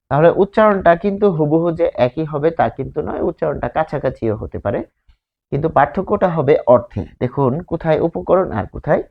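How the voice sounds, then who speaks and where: A man with a Bangladeshi Bengali accent teaching a grammar lesson at a whiteboard, explaining slowly, repeating words and asking rhetorical questions. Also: on the high side, vocal fry, narrow, tinny audio.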